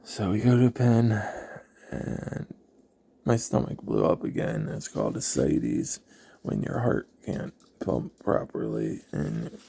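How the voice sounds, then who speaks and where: Gravelly slow-talking man, halting. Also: rumbling low, warm tone, slight background noise. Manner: halting, reflective, many pauses. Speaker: vlogger. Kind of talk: personal storytelling.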